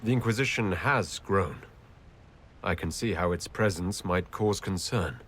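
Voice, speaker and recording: Composed, earnest elven leader. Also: male voice, sits low, fairly bright tone, a little hiss or hum. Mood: diplomatic. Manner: measured, polite, earnest. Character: composed, courteous male elf leader, earnest and concerned. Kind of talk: dramatic video game dialogue.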